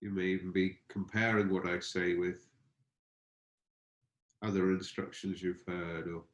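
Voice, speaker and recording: Leading a meditation like a calm teacher, this fairly low-voiced man takes his time, letting pauses fall between tentative, searching phrases. The room is large and echoey, his delivery is flat, and the high frequencies are cut off.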